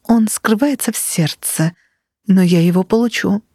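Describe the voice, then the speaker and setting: A woman's voice: mid-range voice, measured pace, darkish tone, no room sound, clean studio sound. A woman voicing a cold, domineering sorceress mother in an audiobook, speaking in an icy, scolding, sharply emphatic way. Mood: cold scorn. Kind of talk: audiobook character reading.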